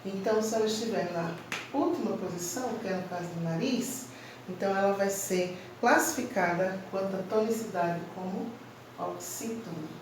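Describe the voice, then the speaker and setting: A woman's voice: mid-range voice, distant mic, noisy background. Teacher woman in a very echoey room. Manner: slow, clear, emphatic teacherly delivery, stressing syllables. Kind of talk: online Portuguese grammar lesson for children.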